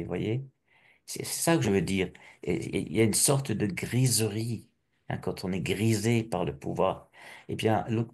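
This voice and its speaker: A middle-aged man from Alsace giving a personal testimony, halting and restarting often with repeated words. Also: deep voice, gravelly, a little mellow, breathy edge. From Alsace, France.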